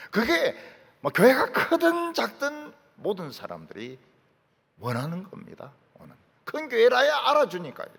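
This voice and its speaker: A man's voice: very high voice, wildly swooping pitch, normal speed, vocal fry, fairly bright tone, breathy edge, in a large hall. A man preaching a sermon in a large church sanctuary, emphatic, often dropping in short affirmations and rhetorical questions. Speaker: pastor.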